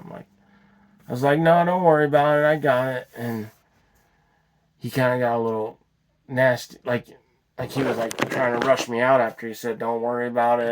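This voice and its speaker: A man telling a long personal story off the cuff, rambling, restarting and swearing as he goes. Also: medium pitch. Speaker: vlogger telling his story.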